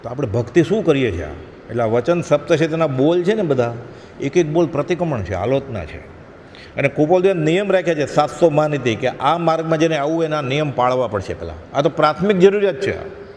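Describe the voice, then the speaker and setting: A man delivers a devotional discourse in a slightly high voice, earnest and admonishing. His words ring out with a long reverb in a large hall, over a faint ambient hum. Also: expressive, a little fast, darkish tone. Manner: earnest, admonishing, acts out short quoted prayers. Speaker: spiritual lecturer. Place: satsang hall.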